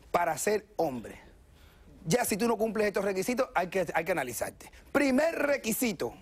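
A male stand-up comedian, performing a fast, animated routine and mimicking voices before a live audience. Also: high voice.

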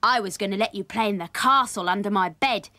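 A woman's voice: mid-range voice, brisk, sharp tone, no room sound, lightly acted. A woman voicing a small, boastful, imaginative boy, speaking. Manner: boastful, insistent.

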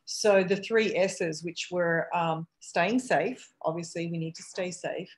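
A middle-aged woman talks on a video call, her voice sitting a little low. She speaks candidly and reflectively, restarting her thoughts as she goes. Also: slow. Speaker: eating disorder treatment center owner. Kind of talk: casual video call conversation.

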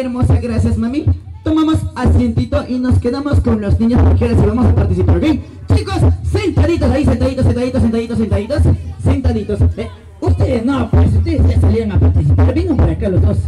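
A man hosting a school party, coaxing and playful with the children, shouting to rally them. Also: very high voice, rough recording. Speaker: party host at a school event. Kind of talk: animated emcee patter with children. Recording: loud music and crowd behind.

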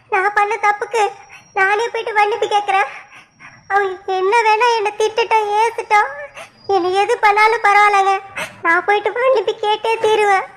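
A woman's voice: very high-pitched, a bit bright. A woman voicing a tearful, remorseful young village wife in a family cartoon, speaking in a pleading way. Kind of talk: Tamil family cartoon voice acting.

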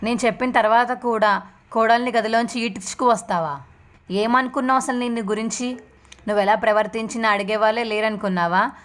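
A woman's voice: fairly high pitch, fairly even intonation, a little fast, fairly bright tone, lightly acted. A woman voicing a stern, fair-minded older father who firmly rebukes his wife, in a serial recap read. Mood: reproachful. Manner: firm, reproachful.

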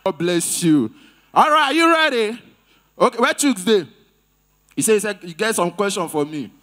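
High-voiced Nigerian comedian teasing a crowd. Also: male voice, expressive, moderate pace, a bit bright. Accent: Nigerian Pidgin. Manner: playful, teasing banter with audience. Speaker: comedian host at an event. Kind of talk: live stand-up crowd work.

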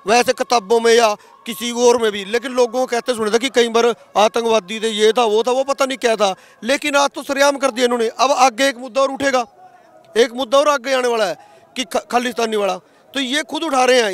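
Talking into a handheld mic outdoors at a roadside protest camp, this Haryanvi-accented farmer in his thirties, from Haryana, India, makes his political case with passion and argumentative emphasis during a street interview. His pitch is extremely high, his tone steady, and he talks a little fast.

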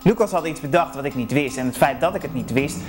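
A young man in his twenties talks in a fairly high voice and a chatty, candid way. He comments casually as a travel show co-host. A loud music bed plays under him. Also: animated, fast. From Netherlands. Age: 20s.

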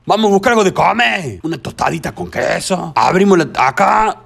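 A man's voice: high voice, animated, fairly quick, gravelly, a bit bright, slightly rough. A young man with a Rioplatense Spanish accent, joking and teasing his partner while commentating a game. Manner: teasing, playful, jokey. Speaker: gameplay co-host. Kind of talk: casual gaming commentary.

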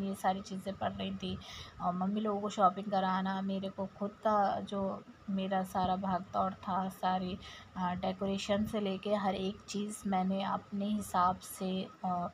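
A woman's voice: mid-range voice, slight background noise, rough recording. A woman with an Indian accent narrating her home vlog to viewers in a chatty, step-by-step way. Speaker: vlogger. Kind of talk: casual vlog voice-over.

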